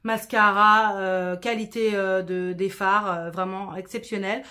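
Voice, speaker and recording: A woman's voice: medium pitch, flat delivery, unhurried, pushed and bright. A woman chatting through a makeup tutorial in a casual, self-deprecating way, sprinkling in English words. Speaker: beauty vlogger.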